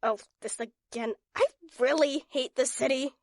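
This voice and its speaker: A woman's voice: sits high, measured pace, soft background music. A woman voicing a haughty, bossy villain princess in a comedy audio drama, barking orders at her minions. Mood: exasperated. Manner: imperious, shouting orders.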